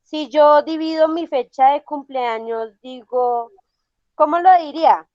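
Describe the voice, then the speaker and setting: A woman's voice: high voice, steady tone, measured pace, a little mellow, no room sound, lo-fi sound. A teenage girl student who asks her teacher questions hesitantly. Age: teens.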